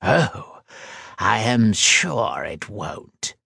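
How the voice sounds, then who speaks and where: A sly hooded creature hisses its words slowly and softly, a rasp and a whisper through every line, as a male narrator puts it on. The voice sits low and the recording is dry and close. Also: big pitch swings, dry recording, full character voice. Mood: taunting. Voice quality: rasping, breathy whisper. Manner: slow, quiet and taunting.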